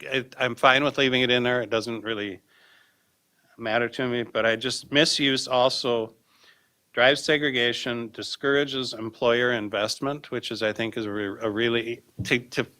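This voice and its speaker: Male board member, bright forceful voice, mid pitch, reads policy text and adds halting asides. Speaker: school board member presenting a draft. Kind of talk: reading a document with informal comments.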